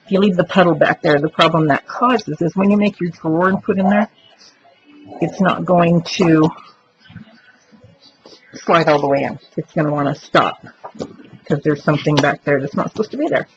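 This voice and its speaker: A woman's voice: sits low, moderate pace, long pauses. A woman giving a chatty step-by-step crafting demonstration, explaining each move aloud as she works. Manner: chatty, explains while working, thinks aloud. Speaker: craft tutorial presenter. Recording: dull lo-fi recording with faint noise.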